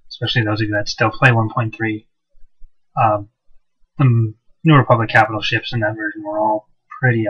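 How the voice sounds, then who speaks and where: A man's voice: fairly low pitch, husky. Man muffled like from a well. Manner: relaxed, with frequent "uh" and loose restarts. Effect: muffled hollow sound, like talking from the bottom of a well. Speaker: game mod developer. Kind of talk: casual gameplay voice-over. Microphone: very old cheap microphone. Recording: dull lo-fi old microphone.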